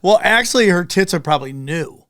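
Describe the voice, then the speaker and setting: Man, high voice, crude joker, casual podcast banter, dry room. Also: animated, a little fast, fairly bright tone, no room sound. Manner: crude, joking, laughs often. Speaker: podcast co-host.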